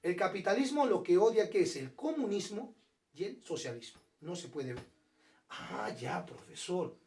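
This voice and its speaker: A man's voice: sits high, sing-song, moderate pace, darkish tone, distant mic. A man teaching history, firing questions at the class and answering them himself. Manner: asks and answers his own questions, voicing students. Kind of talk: lively classroom lecture.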